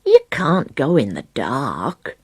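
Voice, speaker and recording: A woman doing a shy, nervous young male pig from a storybook, low and slow, with a husky, breathy sound. The reading is dry and close to the mic. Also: wildly swooping pitch, a little mellow, dry recording, full character voice. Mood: anxious. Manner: low, hesitant, anxious.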